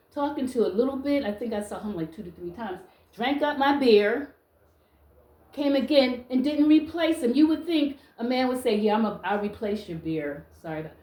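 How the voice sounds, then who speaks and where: Brief: woman, 60s, vlogger, blunt and loud, fairly high voice, echoey room. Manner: blunt, loud and outspoken, swears freely. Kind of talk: casual monologue to camera.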